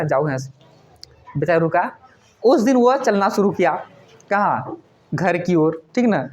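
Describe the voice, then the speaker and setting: Woman teacher telling the class a story, chatty, keeps asking then answering herself, normal mid voice. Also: medium pitch. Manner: conversational, asks questions and answers them herself, repeats "ठीक ना". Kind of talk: storytelling lesson to students.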